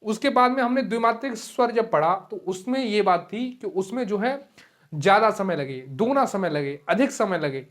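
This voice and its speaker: A man's voice: high voice, lively intonation, fairly bright tone. Casting note: male teacher in an exam-prep lecture, patient, repetitive, drags vowels out to demonstrate them. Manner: explains slowly, repeats key terms and keeps saying "ठीक है". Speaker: Hindi teacher.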